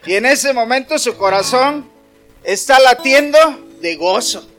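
A man preaches to his congregation with fervent energy, often calling out praises. His voice sits very high for a man. Soft guitar music plays behind him. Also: lively intonation, a little slow. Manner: fervent, shouting praises and acting out a story. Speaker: preacher leading worship. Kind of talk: lively evangelical preaching.

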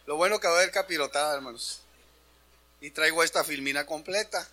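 A man preaching an Easter sermon in church, animated and talking straight to the congregation, raising his voice for emphasis. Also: on the high side, fairly quick. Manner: animated, addresses congregation as brothers, shouts for emphasis. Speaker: pastor.

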